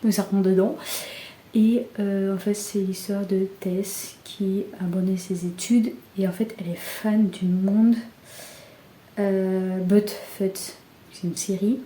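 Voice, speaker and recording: Soft-spoken young woman, half-whispering. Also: medium pitch, fairly even intonation, takes it slowly. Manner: soft, often half-whispered, with many fillers. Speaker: book vlogger. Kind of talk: casual book haul chat. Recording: echoey room with faint background hiss.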